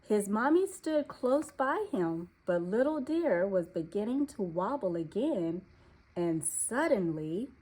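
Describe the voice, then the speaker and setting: Reading a children's storybook aloud, a woman uses an expressive, deliberate storytelling style. Her voice is medium-pitched with a breathy edge, and the recording is rough.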